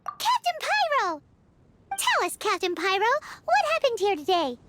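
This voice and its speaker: A woman voicing a tiny, excitable, cheeky fairy companion in a video game, with a squeaky childlike voice and perky, exaggerated delivery. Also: normal speed, full character voice. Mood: gleeful teasing. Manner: perky, exaggerated, speaks in third person. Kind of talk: animated video game voice acting.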